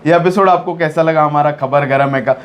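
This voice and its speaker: Guy hosting a gossip chat show, kinda high voice, mocking and chatty. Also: brisk. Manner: mocking, chatty, reads out viewer comments. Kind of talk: casual chat.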